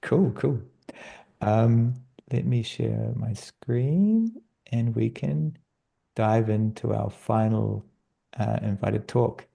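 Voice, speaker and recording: A man hosting an online research workshop on a video call, relaxed and friendly, with frequent fillers. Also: mid-range voice, slow, vocal fry, slightly rough. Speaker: workshop host.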